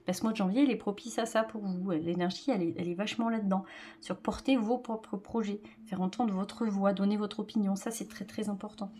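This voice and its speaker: A woman's voice: mid-range voice, a little mellow, slight background noise. A woman with a French accent giving a casual tarot reading, talking loosely with frequent fillers and repeated words. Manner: chatty, loose, repeats herself, informal fillers. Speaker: tarot reader.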